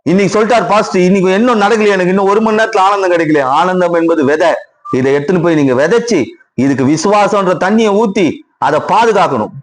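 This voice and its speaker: A man's voice: sits high, quick pace. A middle-aged male pastor with a Tamil accent, preaching a Sunday sermon, repeating lines and asking the congregation questions.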